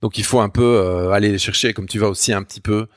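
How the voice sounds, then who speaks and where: A man's voice: fairly low pitch, steady tone, quick pace, no echo, clean studio sound. A man with a Belgian accent from Namur, a university teacher chatting casually and mocking himself, with many restarts. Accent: Namur Belgian French. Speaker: university Spanish teacher, guest. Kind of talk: casual podcast chat.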